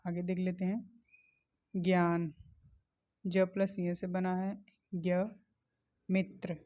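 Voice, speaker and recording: A woman's voice: lowish voice, completely flat delivery, takes it slowly, darkish tone. A woman teacher giving a methodical revision lesson on grammar, spelling out letters and examples one by one. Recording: dull lo-fi recording.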